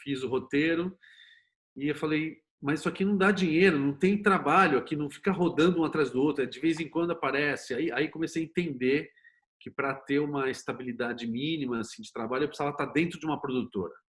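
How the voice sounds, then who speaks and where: Talking at a quick pace in a higher-leaning voice, a middle-aged Brazilian Portuguese-accented man shares his story openly. He is a screenwriter and producer being interviewed as a guest.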